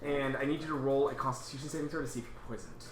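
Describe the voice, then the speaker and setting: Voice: mid-range voice, fairly even intonation, very fast, a crowd in the background. A game master casually narrating a tabletop role-playing game, peppering the narration with "like". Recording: echoey room with clear background noise.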